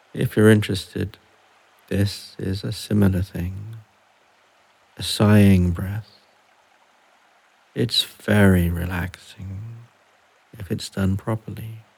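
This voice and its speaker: Slow, gravelly man guiding relaxation. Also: fairly low pitch. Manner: soft, unhurried, long pauses between phrases. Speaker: meditation guide. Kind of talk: guided relaxation.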